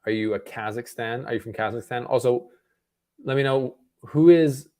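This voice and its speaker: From his home room, a young Canadian man gives casual watch-party commentary on a tennis match for his live-stream audience. His everyday mid-pitched voice moves at a moderate pace, relaxed and chatty, dotted with filler words, restarts and self-corrections.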